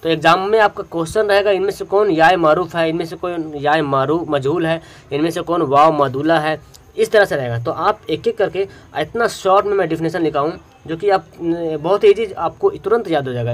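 A man teaching an exam-prep grammar lesson, patiently repeating definitions and drawing out example words slowly. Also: a little high.

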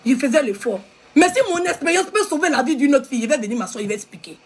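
A woman's voice: sits high, animated, fast. A woman with an Ivorian French accent giving a heated, repetitive rant that scolds her viewers. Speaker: social media commentator. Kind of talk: angry live video rant.

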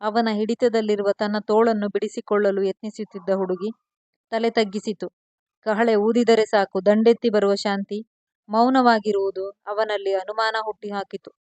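A woman storyteller giving a measured, expressive scripted narration of a serial love story. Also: mid-range voice, no echo.

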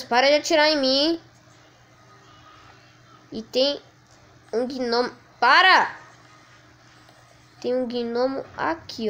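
Excitable high-voiced Brazilian woman gamer. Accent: Brazilian Portuguese. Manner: excitable, yells at enemies on screen. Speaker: gaming channel host. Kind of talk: let's play commentary.

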